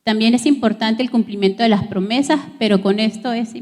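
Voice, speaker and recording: Woman teacher, fairly high voice, measured lecture delivery with fillers, long reverb around her. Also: darkish tone. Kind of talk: recorded class lesson.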